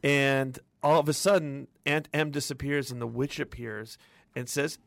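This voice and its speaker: A man on a casual podcast, telling a childhood memory as an expressive storyteller. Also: medium pitch, normal speed, vocal fry. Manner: expressive storyteller who laughs as he recalls things. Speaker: podcast co-host.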